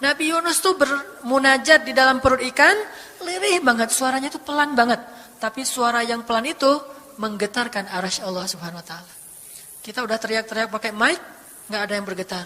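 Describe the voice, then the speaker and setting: A male preacher giving a casual, conversational sermon, telling stories with lively delivery. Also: very high voice, brisk. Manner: animated storytelling, acting out quoted voices. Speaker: Islamic preacher. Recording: echoey hall with long reverb.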